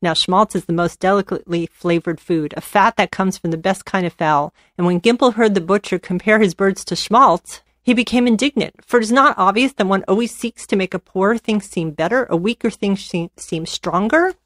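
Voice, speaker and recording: A woman podcast host reading a folk tale aloud, with expressive storytelling. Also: medium pitch, moderate pace, few pauses, no room sound, studio quality. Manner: expressive storytelling, voices quoted characters.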